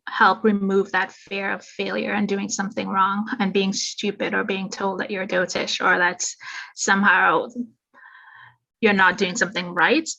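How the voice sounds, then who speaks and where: A woman speaking as a panelist in an online discussion, measured and reflective. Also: mid-range voice, gravelly, pushed and bright, dull audio. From Trinidad.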